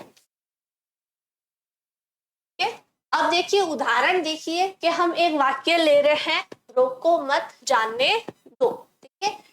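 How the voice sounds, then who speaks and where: A woman's voice: sits high, fairly bright tone, slight background noise, rough recording. A woman teacher explaining a grammar lesson step by step, asking the class questions and answering them herself. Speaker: Hindi teacher.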